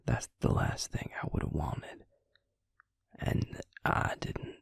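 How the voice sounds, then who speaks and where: This intimate romantic roleplay features a man as a protective, devoted vampire lover, speaking slowly and gently in a breathy, husky near-whisper. He sounds gentle and apologetic in a natural voice, with clean studio sound and no room sound.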